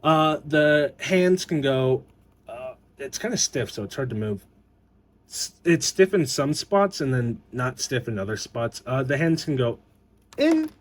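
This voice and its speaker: A man talks through a toy review at home in a loose, unscripted way. He rambles, trips over his words and fills gaps with ums and likes. His voice sits at an ordinary middle pitch. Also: sing-song, a little slow. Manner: rambling, stumbling over words, many fillers. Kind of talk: casual unboxing review.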